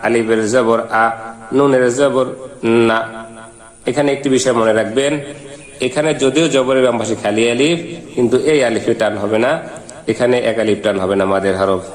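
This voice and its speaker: A man teaching Quran reading. He spells out letters and vowel marks one at a time, then chants each verse in slow, drawn-out syllables. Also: medium pitch, steady tone, reverberant. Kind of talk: step-by-step recitation lesson.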